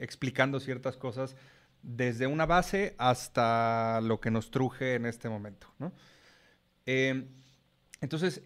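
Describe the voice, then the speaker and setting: A middle-aged man with a Mexican accent, talking as a podcast guest in a frank, explanatory way and swearing casually. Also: mid-range voice. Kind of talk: casual chat.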